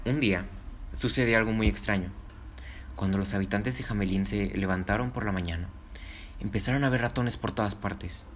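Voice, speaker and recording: A man's voice: fairly low pitch, fairly bright tone, slight background noise. A man reading scripted children's stories as a narrator. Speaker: children's storyteller. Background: music.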